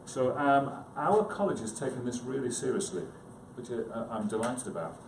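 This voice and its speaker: In a conference room with echo and obvious background noise, a psychiatrist delivers an informal talk. His mid-pitched voice is animated and moves at a normal pace. He sounds hesitant, pokes fun at himself, and chats with his listeners along the way.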